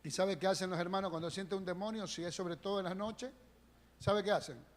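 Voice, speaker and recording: A man's voice: high-pitched, fairly even intonation, fairly quick. A male pastor preaching a sermon in a church, emphatic and full of rhetorical questions. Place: church sanctuary. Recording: long church reverb on a live stream.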